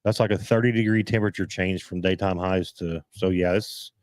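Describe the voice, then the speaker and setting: Guy hosting a live chat, kinda low voice, rambly and halting, dry sound. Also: steady tone, a little mellow, no echo. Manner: rambling, halting, restarts sentences. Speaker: host. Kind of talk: casual live-stream chat.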